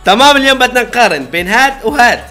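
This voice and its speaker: A man's voice: extremely high pitch, very animated, rapid-fire, music in the background. A man hosting a reaction video, chatty and eager, calling his viewers brothers. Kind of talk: casual reaction commentary.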